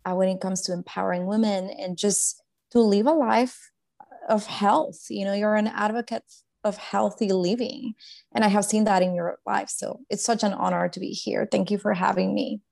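An earnest, reflective woman in her thirties, from Guatemala, telling her story as a guest in a relaxed interview. Her voice has a gravelly, creaky edge, and she often restarts her sentences and fills pauses. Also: medium pitch. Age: 30s. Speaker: guest, life coach. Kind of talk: casual faith-based interview chat.

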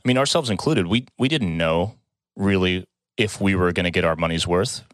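A man's voice: deep voice, normal speed, a bit bright, no room sound, clean studio sound. A man co-hosting a podcast, talking reflectively in a casual chat. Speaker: podcast co-host.

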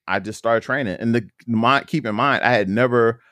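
Man in his 40s, podcast guest, lively raconteur who acts out his stories, mid-pitched voice, dry sound. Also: normal speed, no room sound. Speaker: guest powerlifter. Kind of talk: casual podcast storytelling.

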